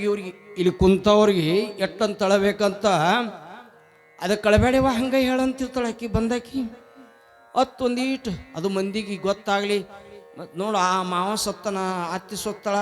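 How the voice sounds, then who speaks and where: A man with a North Karnataka accent telling a devotional story as a sermon, lively and acting out characters' quoted words. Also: high-pitched. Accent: North Karnataka Kannada. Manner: animated, voices characters in quotes. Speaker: religious storyteller.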